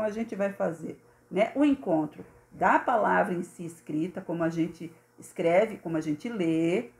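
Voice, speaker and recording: Patient Brazilian teacher sounding out syllables. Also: female voice, fairly high pitch, a little mellow, echoey room. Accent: Brazilian Portuguese. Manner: patient, sing-song, speaks of herself as "a Pro", sounds out syllables slowly. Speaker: primary school teacher. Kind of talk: recorded lesson for young pupils.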